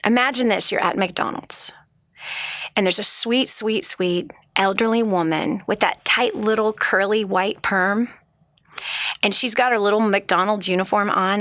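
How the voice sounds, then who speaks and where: This female host speaks in a mid-range, sharp-toned voice, addressing her radio audience earnestly in a motivational talk-show monologue full of rhetorical questions. She often starts over and repeats herself. The sound is clean studio audio with no echo.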